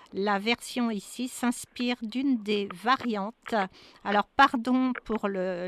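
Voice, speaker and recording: Slow, smooth-voiced woman radio host. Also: fairly high pitch, no echo. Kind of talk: radio presenting.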